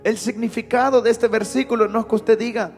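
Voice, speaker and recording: A pastor preaching a Sunday sermon, emphatic, repeating his phrases and building up to shouts. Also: very high voice, fairly even intonation, brisk, faint music behind. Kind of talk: Spanish-language Sunday sermon. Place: church.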